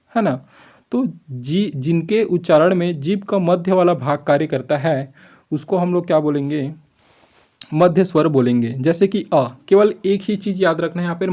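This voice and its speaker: A man with a slightly high, mellow voice leads an exam-prep lesson. He explains each point patiently and answers his own rhetorical questions. He keeps checking that his listeners follow, and he stretches out sample vowel sounds slowly. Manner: explains step by step, often checks with "ठीक है जी"; asks rhetorical questions and then answers them. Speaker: teacher.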